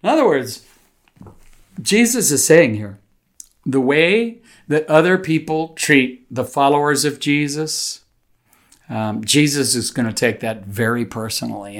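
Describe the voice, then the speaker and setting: A male pastor in mid-sermon, talking through a scripture passage. His voice sits in an ordinary middle pitch. He keeps it conversational and unpolished, full of fillers and restarts as he works through each verse. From United States.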